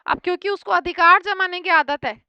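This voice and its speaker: A woman teaching English vocabulary for an exam, explaining words with everyday examples and rapid lists of synonyms. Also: very high voice, no room sound, lo-fi sound. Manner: explains each word with everyday examples and quick checks. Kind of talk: exam-prep lesson.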